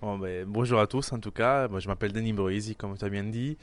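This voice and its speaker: A young male chef and restaurant owner in his twenties answers interview questions casually in French, his low voice steady in tone and fast. He's from Italy, raised in Milan. He sounds hesitant, with lots of fillers and restarts.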